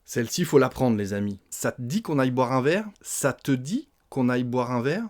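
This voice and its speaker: A man teaching a spoken French lesson, explaining phrases and acting them out in lively example dialogue, often adding a tag word at the end. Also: medium pitch, normal speed. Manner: frequent tag "hein".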